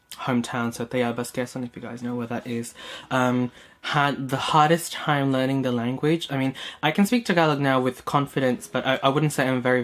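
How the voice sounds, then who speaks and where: Chatty young man doing his makeup. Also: mid-range voice. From Hong Kong. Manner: chatty, many "um"s, narrating his makeup steps. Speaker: beauty vlogger. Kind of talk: casual get-ready-with-me chat. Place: small indoor room, plain backdrop.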